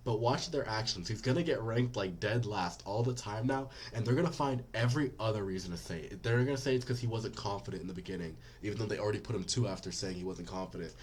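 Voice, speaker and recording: A man's voice: on the low side, fast, hardly any pauses, a little mellow, slight background noise. A young man giving casual reaction commentary, blunt and mocking, swearing freely.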